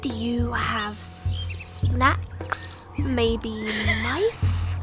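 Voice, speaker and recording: A woman's voice: on the high side, drawn-out words, loud music behind the voice. A woman voicing a small, friendly, hungry snake in a tabletop game, speaking in a hissing snake voice.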